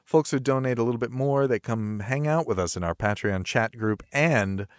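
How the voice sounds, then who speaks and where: A man with a buttery smooth voice hosting a podcast with casual, jokey banter. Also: mid-range voice, moderate pace, dry recording, studio quality. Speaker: podcast host.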